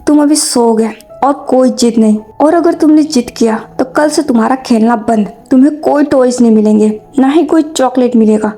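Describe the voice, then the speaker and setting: A hot-tempered young man nagging and scolding in a fan-made audio story, as a woman reads him out. The voice sits high and mellow, with soft music underneath. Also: normal speed, few pauses, close to an everyday voice. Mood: exasperated scolding. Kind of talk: fanfiction storytelling.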